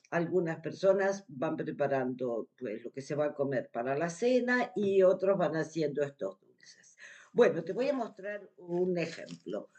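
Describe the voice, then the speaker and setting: An Argentine woman with a lowish, dark voice and an Argentine Spanish accent chats casually to the camera in a vlog. She explains things step by step and uses plenty of fillers.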